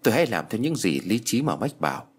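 A seductive female demon speaks in a cold, coaxing sweetness, as a man reads her in a storybook ghost tale. The voice sits low and husky and moves with lively swings of pitch. Faint music plays underneath. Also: fast.

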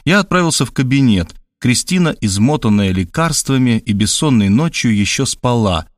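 A man narrating a first-person audiobook in a lively, expressive way. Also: mid-range voice, moderate pace, dry recording.

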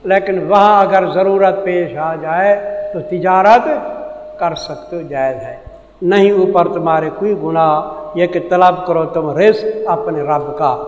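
A man from Pakistan teaches a Quran commentary lecture with a rather high voice. He works through the text verse by verse and keeps asking his listeners questions. The recording rings with a long hall echo. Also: highs cut off, slight background noise. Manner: explains verse by verse, asks the audience questions.

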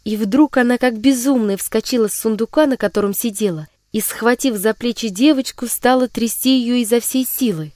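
A woman's voice: on the high side, no echo, clean studio sound. Woman reading a storybook aloud. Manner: measured, expressive reading. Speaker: narrator. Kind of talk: scripted storybook narration.

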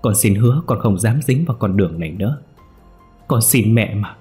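A man's voice: fairly low pitch, lively intonation, moderate pace, warm tone, soft background music, close to an everyday voice. A man voicing a terrified young man who stammers and begs tearfully for help. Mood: pleading. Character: frightened young man, pleading gambler son.

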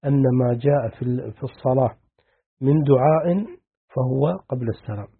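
Gravelly sheikh on a tinny recording. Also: male voice, mid-range voice, moderate pace. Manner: calm, explanatory, asks the class "clear?". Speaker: sheikh teaching hadith. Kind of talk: explaining a hadith lesson.

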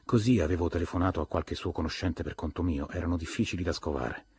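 A man reading a novel aloud as an audiobook narrator, measured and even. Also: low voice, breathy edge. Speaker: audiobook reader.

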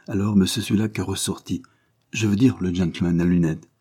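A man voicing a cunning male detective who pretends to be naive and then presses with quiet urgency. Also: low voice, fairly even intonation, a little fast, slightly rough. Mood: feigned naive.

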